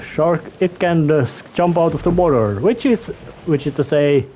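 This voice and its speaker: Higher-voiced man rambling through casual game commentary. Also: normal speed, dark tone, a little hiss or hum. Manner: rambling, hesitant, searching for words. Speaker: gameplay commentator. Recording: faint game music behind. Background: faint music.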